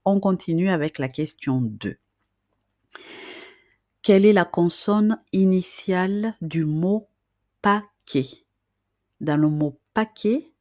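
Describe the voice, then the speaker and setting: A woman's voice: sits low, warm tone, dry recording. A woman teaching beginners to read and write, speaking patiently, repeating each question and checking in with the listener. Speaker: reading and writing teacher. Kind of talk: slow, patient lesson.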